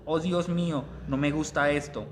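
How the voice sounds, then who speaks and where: A man reading aloud the lines of a bitter, sick older mother who lashes out, in a slow, plain reading voice. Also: fairly high pitch, fairly even intonation, slight background noise, natural voice. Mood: bitter lament.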